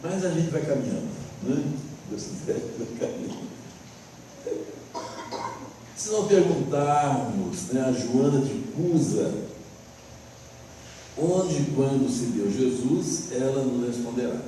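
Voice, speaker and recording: Middle-aged Brazilian man, folksy spiritist lecture, dark mellow voice, echoey hall, distant mic. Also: mid-range voice, lively intonation, takes it slowly, pauses often, a little hiss or hum. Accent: Brazilian Portuguese. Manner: folksy, frequent tag questions. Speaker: spiritist speaker. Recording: roomy, distant hall recording.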